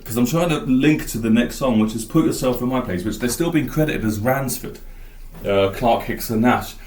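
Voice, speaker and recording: A man's voice: mid-range voice, normal speed, a little mellow, reverberant. A man hosting a podcast, rambling enthusiastically about an album and thinking aloud. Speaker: podcast host. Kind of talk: casual album talk.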